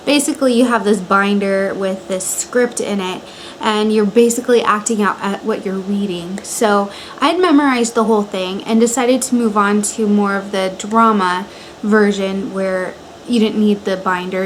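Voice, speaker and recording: A woman's voice: mid-range voice, moderate pace, rough recording. Young American woman vlogging over fan noise. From Montana, United States. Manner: chatty, informal, conversational. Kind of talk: casual motivational how-to vlog talk. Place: bedroom at home. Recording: steady fan noise in background. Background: electric fan running.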